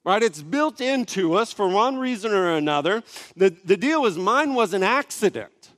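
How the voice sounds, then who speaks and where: A man in his thirties preaching a sermon, telling a family story in a relaxed, conversational way with asides to the congregation. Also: high voice, moderate pace. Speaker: pastor. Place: church sanctuary. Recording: long church hall reverb.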